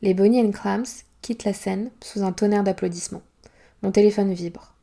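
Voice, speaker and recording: A woman author reading her own novel aloud in first-person narration, calm and even. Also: mid-range voice, normal speed, creaky.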